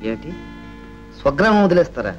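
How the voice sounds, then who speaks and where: A scheming middle-aged landlord who talks in a measured, coaxing way, with a raised pitch and a lively, swooping melody. The voice comes from an old film soundtrack, with a faint score under it. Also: male voice, muffled recording, over music. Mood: persuasive. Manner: measured, persuasive, rising to proud anger. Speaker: zamindar. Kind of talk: 1960s film acting.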